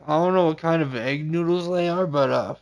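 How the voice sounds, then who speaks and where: A man's voice: fairly high pitch, fairly quick. A man chatting casually with a friend, swearing easily and drawling his words. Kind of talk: casual chat.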